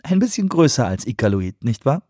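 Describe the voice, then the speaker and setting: Man doing a cheerful woman airport clerk, chatty, friendly, slightly husky, dry close sound, audiobook. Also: mid-range voice, sing-song, fairly quick, mellow, no room sound, pitched above the performer's own voice. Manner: cheerful, talkative.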